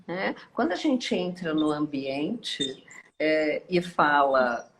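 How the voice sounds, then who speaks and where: A woman with a Brazilian Portuguese accent, a guest speaker giving a reflective live-stream talk with many pauses and tag questions. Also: low voice, sing-song, a bit bright. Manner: slow, thoughtful, with frequent pauses and tag questions. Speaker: guest speaker and course teacher.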